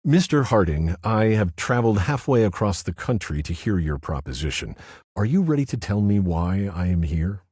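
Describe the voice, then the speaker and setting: A man playing a smooth, calculating prosecutor. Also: lively intonation, darkish tone, dry recording, clean studio sound. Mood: formal. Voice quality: deep, well-modulated. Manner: measured, formal, self-satisfied. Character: smooth, calculating male prosecutor, politician type.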